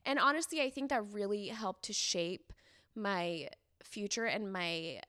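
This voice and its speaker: A woman's voice: mid-range voice, bright, forceful tone, clear, resonant tone, no echo, clean studio sound. A woman from San Diego, a guest on a podcast, telling her story openly in a casual chat. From San Diego, USA. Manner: open, storytelling, quick bursts. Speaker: podcast guest, content creator.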